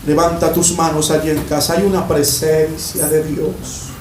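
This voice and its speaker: A male pastor delivers a sermon, stacking one repeated phrase on another. His voice sits a little high and holds a narrow, even pitch. He sounds distant from the mic, with roomy echo around him. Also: moderate pace, slight background noise. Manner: preaches in repeated, rising phrases.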